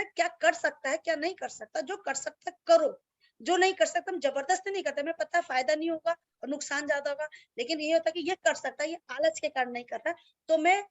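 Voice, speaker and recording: This dry recording captures a woman's high-pitched voice as she teaches yoga online. Her talk with students comes through dull lo-fi video call audio, and she's direct and blunt, calling herself a strict teacher.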